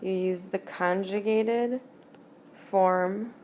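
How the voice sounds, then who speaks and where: Slow, deliberate woman teacher. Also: medium pitch, steady tone, darkish tone, a little hiss or hum. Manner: slow, deliberate explaining while writing. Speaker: French teacher. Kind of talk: screencast grammar lesson.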